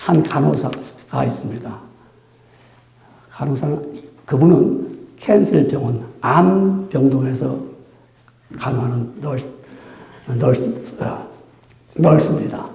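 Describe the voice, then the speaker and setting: Man, pastor, sermon, gravelly, mellow tone, rhetorical questions, echoey church room. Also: medium pitch, slow pace, long pauses. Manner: conversational preaching with rhetorical questions and acted-out quotes. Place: church sanctuary.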